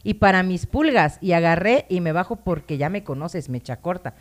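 A woman's voice: lowish voice, expressive, normal speed. A young woman with a Mexican accent co-hosting a casual live-stream chat, reading listener stories aloud with crude slang and frequent laughter. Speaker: podcast co-host.

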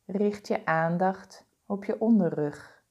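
A woman guiding a body-scan meditation with slow, soothing, calm instructions. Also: mid-range voice, highs cut off. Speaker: meditation guide.

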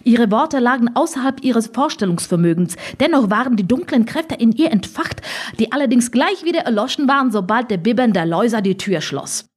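A woman narrates an audiobook with a somewhat high, husky voice. Her reading is expressive and wry, and she leans into the dry humor of the text. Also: brisk.

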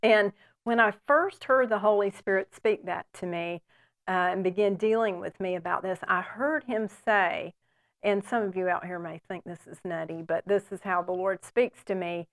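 A woman in her sixties teaching the Bible on a program, earnest and conversational, often pausing for an amen. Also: mid-range voice.

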